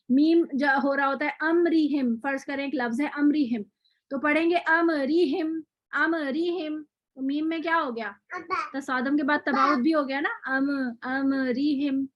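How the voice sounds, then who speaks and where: High-voiced woman teaching tajweed. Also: fairly bright tone, no room sound. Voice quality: patient, repeats example words slowly. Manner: frequent fillers and self-corrections. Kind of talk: online lecture with recap.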